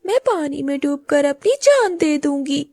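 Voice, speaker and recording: Woman as young crow, cartoon, grieving, pleading, gravelly voice. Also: high voice, expressive, a little slow, darkish tone, no room sound, studio quality. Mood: despairing. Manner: tearful, pleading. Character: grieving young female crow, outcast, tearful. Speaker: voice actor. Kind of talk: cartoon voice acting.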